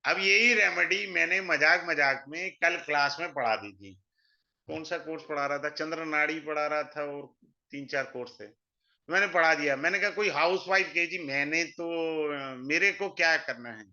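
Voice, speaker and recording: Brisk bright-voiced man teaching astrology. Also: fairly high pitch, vocal fry. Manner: chatty, mixes Hindi and English, blunt asides. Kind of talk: informal online class lecture. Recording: dull lo-fi sound.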